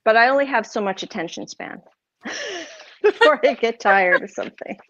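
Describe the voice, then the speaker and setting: A woman's voice: a little high, very animated, a little slow, fairly bright tone, highs cut off. A woman with a Boston accent casually explaining her craft prints, rambling with lots of fillers and self-corrections. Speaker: craft livestream host.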